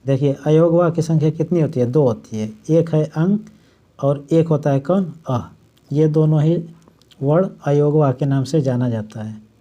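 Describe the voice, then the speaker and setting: A man teaching a Hindi grammar lesson for exam prep, explaining step by step, restating points and slowly drawing out the example words. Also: on the high side, mellow, dull audio.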